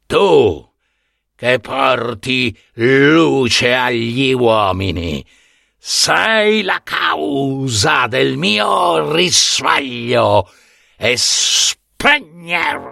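A man voicing a huge many-headed monster from ancient myth, slow and menacing. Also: very animated, vocal fry, sharp tone, dry recording, studio quality, full character voice. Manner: slow, booming threats.

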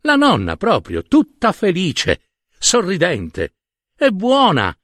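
A male storyteller reads a fairy tale slowly and theatrically, his fairly high voice rising and falling widely. Words are drawn out for effect, and the sound is close and dry with no room around it. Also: wildly swooping pitch, fairly bright tone, dry recording. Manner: dramatic, lingering emphasis, swooping pitch. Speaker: storyteller and podcast host. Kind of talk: expressive storybook narration.

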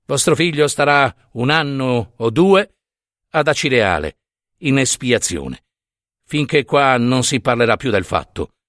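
A man's voice: medium pitch, expressive, unhurried, fairly bright tone, no room sound, studio quality. A man voicing a burly, mocking middle-aged overseer who talks down to an old man in a dramatized story reading. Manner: swaggering, sneering, condescending.

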